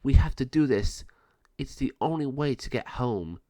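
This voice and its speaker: A man's voice: mid-range voice, animated, normal speed, dark tone, no room sound, close to an everyday voice. A man voicing a plucky, determined male talking bird in a storybook, with an emphatic delivery. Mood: resolute.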